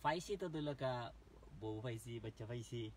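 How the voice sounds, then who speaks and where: A man in his twenties from Bangladesh with a Sylheti accent, giving brief, soft-spoken answers as an interview guest. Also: medium pitch, lively intonation, moderate pace, slight background noise. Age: 20s.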